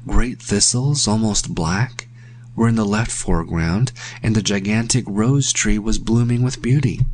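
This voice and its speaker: A man narrates a ghostly tale in a measured, hushed way. His voice sits a little low, and a faint hum lies under the reading. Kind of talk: scripted narration of a story.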